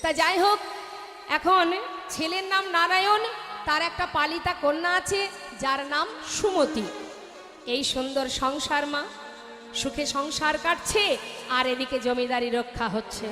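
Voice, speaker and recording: A woman telling a devotional story in a kirtan sermon, in a lively way, chanting refrains and speaking to her listeners as mothers. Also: sits high, unhurried, long pauses. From Bengal. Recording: echoey hall with music.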